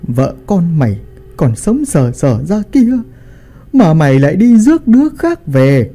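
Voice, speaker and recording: A man voicing a strict, furious old grandfather who shouts and scolds his son. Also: mid-range voice, fast, faint music behind, lightly acted. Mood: enraged.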